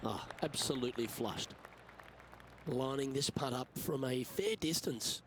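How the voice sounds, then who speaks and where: A man's voice: medium pitch, unhurried, a bit bright. A man working as lead golf commentator in a video game, giving brief, upbeat calls on each shot. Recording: clear background noise and ambience.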